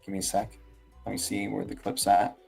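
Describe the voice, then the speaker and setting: A man's voice: fairly low pitch, completely flat delivery, fairly quick, gravelly, a little mellow, soft background music. A man hosting a livestream with casual, slangy market commentary, rambling along and tagging phrases with "right" and "man". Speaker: livestream host.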